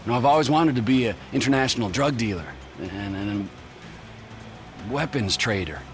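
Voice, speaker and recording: A man's voice: medium pitch, lively intonation, normal speed, slight background noise, close to an everyday voice. A male actor playing a rambling, ambitious criminal in a video game. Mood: earnest. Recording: game clip with music behind.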